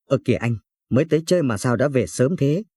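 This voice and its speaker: A man's voice: medium pitch, animated, fast, dark tone, breathy edge, no echo, studio quality. A man voicing a young wife who keeps apologizing to her husband, in a pleading manner.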